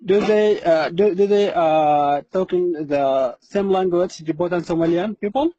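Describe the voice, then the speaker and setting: A man's voice: high-pitched, warm tone. Shy man on muffled call audio. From Sudan. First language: Arabic. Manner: hesitant, shy, halting. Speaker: guest on a live stream. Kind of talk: casual live-stream chat.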